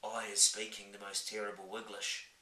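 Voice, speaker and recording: A man voicing a very old, gentle male giant who mangles his grammar and invents words, speaking slowly. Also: fairly low pitch, monotone. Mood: wistful. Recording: roomy, from a distant mic.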